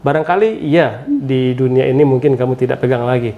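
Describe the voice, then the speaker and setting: Gravelly fatherly male podcast host. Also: medium pitch, brisk, narrow, tinny audio. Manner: fatherly, affirming with frequent hums. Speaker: podcast host, former teacher. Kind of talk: casual interview chat.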